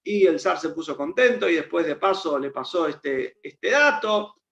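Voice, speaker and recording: A man with an Argentine accent tells a story as a rabbi, slipping into the voices of its characters. His voice sits high and has a gravelly edge. The recording is roomy and somewhat dull. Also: normal speed. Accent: Argentine Spanish. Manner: animated storyteller acting out dialogue. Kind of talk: storytelling sermon. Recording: echoey, dull lo-fi sound.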